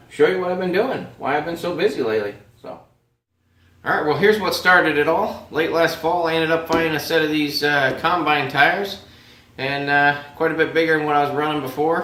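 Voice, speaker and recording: A man with a cold and a voice going hoarse, giving a laid-back, rambling walkaround of a project in a casual vlog. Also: on the high side, fairly bright tone. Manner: laid-back, rambling, lots of "uh" and "you know". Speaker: vlogger.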